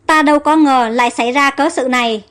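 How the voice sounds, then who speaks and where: A woman's voice: high voice, brisk, a bit bright. A woman reading the lines of a commanding young prince in an audio story. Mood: urgent.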